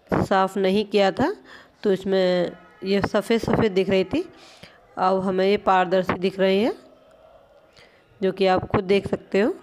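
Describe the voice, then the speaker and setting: A home cooking channel host teaches a lesson at a gas stove, patiently narrating each step and repeatedly calling attention to what's happening in the pan. Her voice is plain, even and mid-pitched, captured on a phone in a home kitchen.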